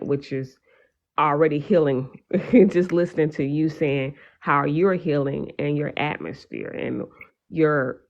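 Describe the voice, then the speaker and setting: Earnest, rambling guest with muffled audio. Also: mid-range voice. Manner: earnest, meandering, frequent fillers. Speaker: guest on a live stream. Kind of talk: casual conversation.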